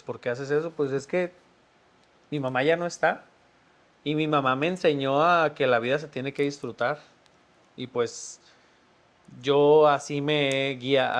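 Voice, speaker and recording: A man's voice: mid-range voice, steady tone, measured pace. Sincere man. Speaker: podcast guest. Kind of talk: personal storytelling in conversation.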